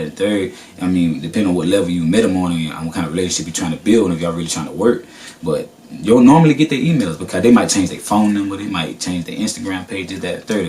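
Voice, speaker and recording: A man's voice: low voice, darkish tone, distant mic, a little hiss or hum. A man who raps, giving a casual, laid-back interview with a Southern US accent and many repeated filler phrases. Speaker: rapper.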